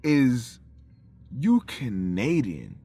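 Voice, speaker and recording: A man co-hosting a casual music review chat, animated and profane, acting out his own reactions. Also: medium pitch, extremely slow, slightly rough, no room sound. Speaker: co-host of a music review show.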